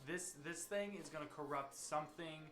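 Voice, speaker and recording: A player at a tabletop game chatting casually in an animated, joking way. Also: mid-range voice, normal speed.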